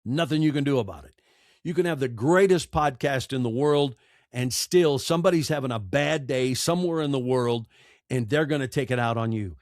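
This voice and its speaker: Here a broadcaster and audiobook narrator appears as a podcast guest, speaking at normal speed in a mid-range voice. His storytelling is conversational and emphatic, full of rhetorical questions and repeated phrases. It's studio-quality audio without any room sound.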